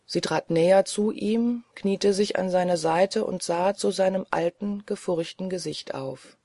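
A narrator reading a classic story aloud in a calm, measured manner. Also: mid-range voice, no echo, studio quality.

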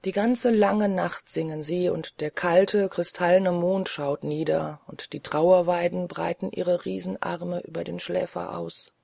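A reader voicing a weary, lonely old male ghost in a soft, dreamy, mournful manner, from an audiobook reading. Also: medium pitch, slow, gravelly, breathy edge, no room sound, full character voice.

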